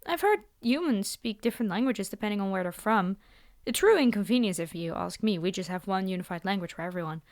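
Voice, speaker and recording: In an ASMR fantasy roleplay, a woman plays a haughty, possessive vampire noblewoman, a polite yet menacing captor, speaking in a theatrical, condescending, formal way. Her natural voice is medium-pitched with lively intonation and a quick pace, recorded with clean studio sound and no room sound.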